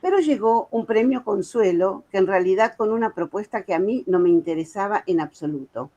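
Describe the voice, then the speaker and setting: A woman in her seventies from Argentina, with a Buenos Aires accent, speaks as a guest speaker; she is an author and music educator. Her prepared talk tells her story earnestly with informal asides, in a medium-pitched, expressive, brisk and mellow voice, though the recording is muffled.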